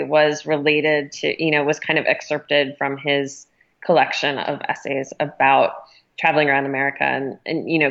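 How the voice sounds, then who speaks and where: An interview guest with a notably low, creaky, fairly bright voice thoughtfully describes her editorial work in a conversational way. The audio is slightly dull and muffled.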